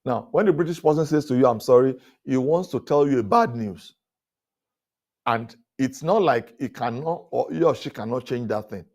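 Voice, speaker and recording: A man giving a sermon-style leadership talk at a conference. He speaks animatedly, chuckles between points, and his pitch climbs high when he drives a point home. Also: expressive, moderate pace, a little mellow. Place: conference hall.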